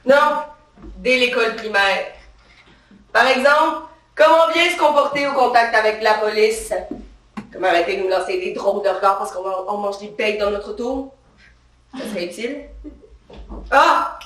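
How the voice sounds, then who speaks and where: A woman stand-up character performer plays a brash, defensive female cop who is trigger-happy and proud of her power, in a satirical stage monologue. Her voice is a little high, sharp, and tense, captured from across an echoey theatre stage.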